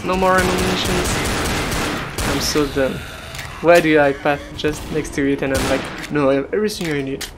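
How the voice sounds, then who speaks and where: A let's play gamer commenting casually on gameplay, excitable and joking, with yelps and non-native English phrasing. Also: mid-range voice, normal speed. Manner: excitable, yelps and laughs, jokey asides. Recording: game music and gunfire under the voice.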